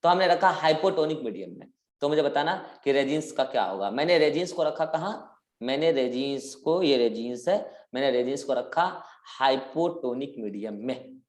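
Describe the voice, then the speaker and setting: A man's voice: mid-range voice, lively intonation, normal speed. A man teaching a biology class, quizzing his students and drawing out key words for emphasis. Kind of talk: live interactive class lecture. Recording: roomy echoing classroom.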